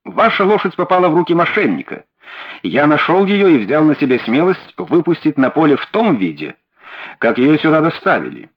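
A man voicing a calm, composed middle-aged detective in an audiobook reading. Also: a little high, moderate pace, slightly rough, lo-fi sound, full character voice. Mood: explaining. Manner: unflappable, composed.

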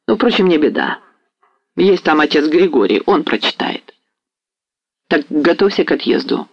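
A man's voice: fairly high pitch, creaky, no room sound, lo-fi sound. A man voicing a sly, commanding cossack officer who teases with a knowing tone. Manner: teasing, knowing.

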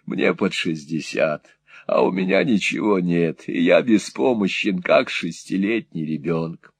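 A man's voice: sits low, measured pace, breathy edge, no echo, exaggerated voice. A man voicing a poor old former clerk near sixty, pleading and bitter, in a dry close recording. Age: 60s.

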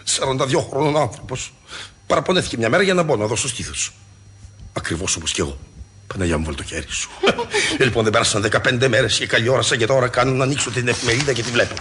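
A man's voice: mid-range voice, fairly bright tone, breathy edge. An actor in his forties playing an anxious hypochondriac husband in a 1960s radio play, fretful and comic. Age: 40s.

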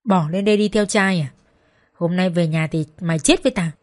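A woman's voice: lowish voice, brisk, a little mellow, lightly acted. A woman voicing a crude, violent young man, an ex-husband who swears and threatens as he talks. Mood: raging.

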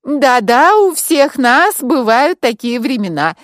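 A woman voicing an excitable high-voiced woman friend. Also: slow pace, no room sound, clean studio sound, exaggerated voice. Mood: excited. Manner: high, loud exclamations.

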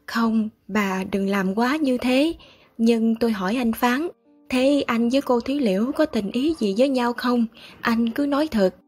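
A woman reading aloud voices a calm elderly gentleman who speaks in a measured, gently wry way, with a husky voice. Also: fairly high pitch, faint music behind.

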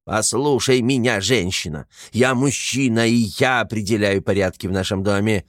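A man's voice: lowish voice, moderate pace, dry recording, studio quality, natural voice. A man voicing a hot-tempered, boastful tiny man in an audiobook, blustering and pompous. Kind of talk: audiobook character voice.

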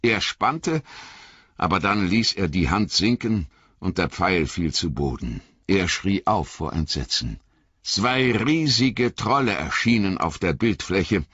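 A man reads a fantasy novel aloud in a measured, dramatic way. His low voice is bright but husky, and it moves a lot in pitch. The recording is dull and dry. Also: big pitch swings, dry recording. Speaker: audiobook narrator. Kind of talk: scripted fantasy narration.

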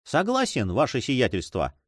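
A man's voice: medium pitch, wildly swooping pitch, normal speed, no room sound, clean studio sound. A man voicing a cold, calculating spy in an audiobook, coolly polite and deferential. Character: cold, calculating male spy, greedy for gold. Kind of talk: audiobook reading.

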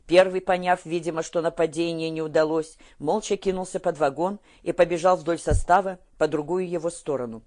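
A woman narrating a historical novel as an audiobook reader, in a steady storytelling manner. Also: on the low side, fairly quick, few pauses. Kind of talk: scripted narration.

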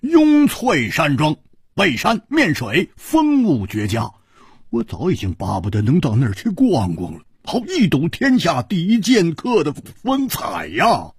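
A loud, high-pitched, laughing male swordsman who drinks hard and boasts boisterously, as a storyteller puts him on. His husky voice swoops up and down, dry and close to the mic, like a lively radio storytelling turn. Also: unhurried, no echo, exaggerated voice. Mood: jovial boasting.

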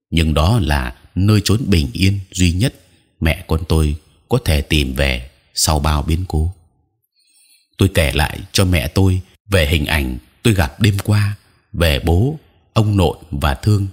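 A man reading a first-person audiobook story in a steady, somber storytelling manner. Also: deep voice, husky. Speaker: audiobook narrator.

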